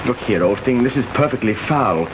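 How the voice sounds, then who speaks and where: A man playing a flippant, well-bred young English gentleman with an upper-class accent, in witty period banter from a 1930s comedy. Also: medium pitch, expressive, moderate pace, natural voice. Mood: awkwardly polite. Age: young adult. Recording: noisy, hissing 1930s film soundtrack.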